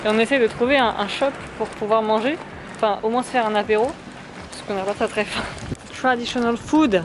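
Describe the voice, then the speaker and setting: A woman's voice: fairly high pitch, fairly even intonation, fairly quick. A young woman in her twenties chatting casually and jokingly while she vlogs through the streets and a supermarket, laughing often. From France. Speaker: vlogger. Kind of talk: casual travel vlog chat. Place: streets and a supermarket, indoors and outdoors. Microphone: handheld camera held low at arm's length. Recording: noisy street and shop background.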